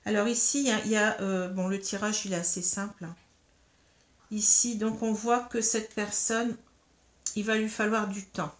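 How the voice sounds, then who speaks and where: Woman doing a tarot reading for viewers, calm and soft, lots of ums and restarts. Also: mid-range voice, normal speed. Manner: hesitant, with frequent fillers and restarts. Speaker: tarot card reader. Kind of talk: guided card reading to viewers.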